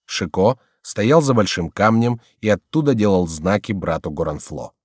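A man narrating an audiobook in an expressive, scripted reading. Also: fairly low pitch, normal speed, breathy edge, no echo, clean studio sound.

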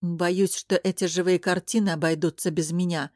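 A woman reading an audiobook who voices a proud young princess, sharp, sarcastic and impatient. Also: lowish voice, steady tone, moderate pace, no room sound, studio quality, natural voice. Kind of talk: audiobook character voice.

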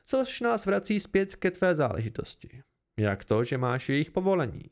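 A stern, deliberate noble ruler, as a man reading an audiobook plays him speaks in a calm and measured way. The voice is gravelly and a bit high for a man.

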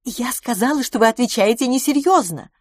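A woman reading a prim, flustered middle-aged governess, pleading and apologetic. Her pitch swings wide and climbs when she is agitated. The voice sits close and dry, with no room around it. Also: animated, brisk, a little mellow, dry recording.

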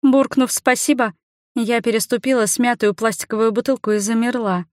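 A woman narrates a first-person fantasy audiobook in an even, measured reading. Her voice sits fairly high, and the close studio sound is completely dry. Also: no echo.

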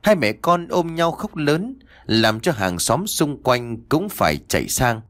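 A man's voice: medium pitch, big pitch swings, measured pace, a bit bright, dry recording. A man narrating a ghost story and voicing its characters himself. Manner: voices every character in quoted lines. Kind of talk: scripted horror story narration.

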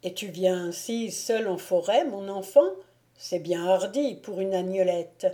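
A woman voicing a gruff male noble wolf-hunter, loud, teasing and commanding, in a storybook reading. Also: mid-range voice, a little slow, natural voice. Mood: teasing, bluff.

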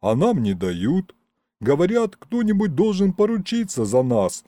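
A man's voice: high-pitched, big pitch swings, a little slow, warm tone, no room sound, voice pushed up. Man doing a shy young peasant clerk. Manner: hesitant, deferential old-fashioned speech.

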